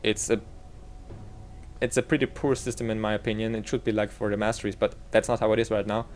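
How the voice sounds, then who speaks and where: A man's voice: lowish voice, little pitch movement, fast, slight background noise. A man from Austria with an Austrian German accent gives a casual game tutorial, rambling a little and correcting himself as he works out the numbers.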